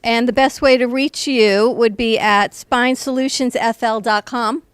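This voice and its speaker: A woman hosting a radio interview, asking questions in a friendly, brisk way. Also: on the high side, fairly even intonation, clear, resonant tone, dry recording. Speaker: radio host.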